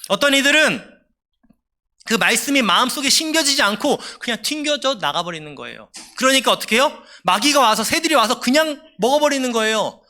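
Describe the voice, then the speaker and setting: Bright, animated male preacher. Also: extremely high pitch, a little fast. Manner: emphatic, rising and falling preaching delivery. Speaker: pastor. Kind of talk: sermon.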